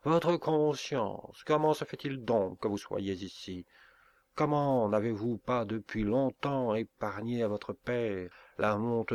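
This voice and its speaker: A man's voice: lowish voice, a little mellow, no echo. Man doing a stern pious noble mother, cold and reproachful, dry close sound. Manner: reproachful, solemn.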